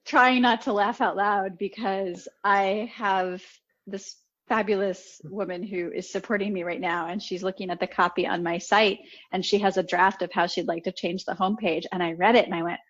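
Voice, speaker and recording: Animated woman coach, slightly lo-fi. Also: medium pitch, normal speed. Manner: animated storyteller, laughs often. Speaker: podcast guest, coach. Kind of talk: casual conversational interview. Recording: slightly dull lo-fi audio.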